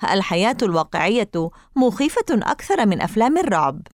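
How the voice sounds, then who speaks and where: A woman's voice: medium pitch, sing-song, quick pace, no room sound, studio quality, lightly acted. A woman reading aloud and voicing a teasing, spooky-minded young girl in an audiobook. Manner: playful, eager, teasing.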